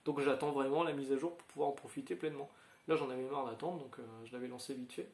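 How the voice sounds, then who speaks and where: A man's voice: mid-range voice, fairly even intonation, fast talker, a little mellow. Chatty man in an echoey room. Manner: rambling, chatty, many fillers and restarts. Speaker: channel host. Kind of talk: casual chat to viewers.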